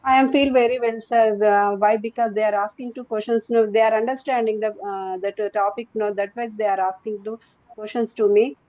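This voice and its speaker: A woman's voice: mid-range voice, steady tone, darkish tone. Hesitant Indian woman teacher, dull line. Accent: Indian English. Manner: hesitant, halting, says sir often. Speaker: teacher practicing English.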